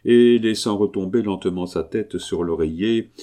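A man narrating a classic novel in measured, scripted audiobook style. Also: low voice, mellow.

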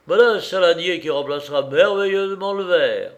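Man doing a loud drunken reveler. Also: high-pitched, a little fast, pitched above the performer's own voice. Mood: drunken bluster. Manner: boisterous, raised and tipsy declamation. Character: loud drunken male reveler hunting his glass.

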